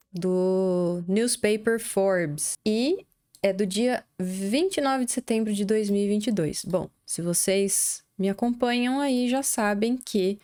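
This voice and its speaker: A young adult woman with a Brazilian Portuguese accent, teaching an online English lesson in Portuguese and slowly sounding out English words syllable by syllable. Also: mid-range voice, darkish tone.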